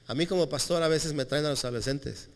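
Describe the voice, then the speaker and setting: A male pastor preaching a lively, conversational sermon, acting out quotes as he tells stories. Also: on the high side, quick pace, big-room sound. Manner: animated storytelling, acting out quotes.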